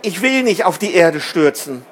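A man's voice: high voice, animated, moderate pace, slight background noise. A man voicing a bold, impatient young girl astronaut in a children's storybook. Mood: alarmed.

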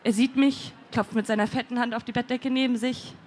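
A woman's voice: fairly high pitch, fairly even intonation, brisk, slight background noise. A woman performing a dramatic slam poetry text on a live stage. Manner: dramatic, swings from weary to shouting. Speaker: slam poet.

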